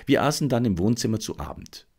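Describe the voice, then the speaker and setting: A man reading a detective audiobook aloud in the first person, with measured storytelling. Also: on the low side, big pitch swings, darkish tone. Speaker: audiobook narrator. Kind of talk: scripted first-person narration.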